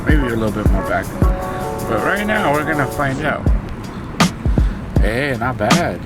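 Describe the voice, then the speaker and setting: A man's voice: medium pitch, expressive, a little slow, roomy sound. A man chatting casually to viewers in an informal, slangy, rambling vlog style. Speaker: vlogger. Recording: loud background music.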